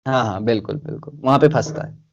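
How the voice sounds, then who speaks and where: A man from Kashmir with a Kashmiri accent, a writer answering interview questions in a casual, lively way, mixing in English words and repeating phrases. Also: medium pitch, fast, gravelly, lo-fi sound.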